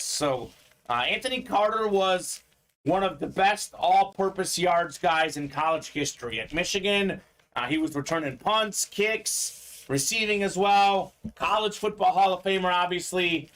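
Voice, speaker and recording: A man's voice: high voice, fairly bright tone. A man from Bulgaria hosting a live sports memorabilia break, chatty and upbeat, reading out viewer comments as he goes. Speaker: sports card break host. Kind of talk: live-stream sales patter.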